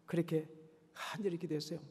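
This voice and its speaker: A man's voice: on the high side, steady tone, fast, a little mellow, breathy edge. Man, preacher, sermon, earnest exhortation, rhetorical questions, long echoing hall reverb.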